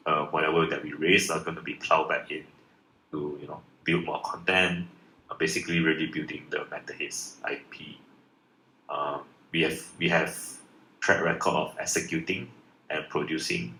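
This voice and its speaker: Low-voiced hesitant man in an echoey room. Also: level tone, normal speed, bright, forceful tone. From Malaysia. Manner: hesitant, many fillers and restarts. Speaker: project founder. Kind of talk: casual live Q&A answers. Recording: echoey room with faint noise.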